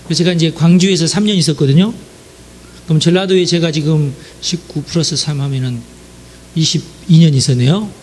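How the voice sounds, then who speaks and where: A little fast and a little mellow, the Jeolla preacher's fairly high voice carries a chatty sermon aimed right at his audience, punctuated by frequent affirmations. Faint hiss or hum is in the background.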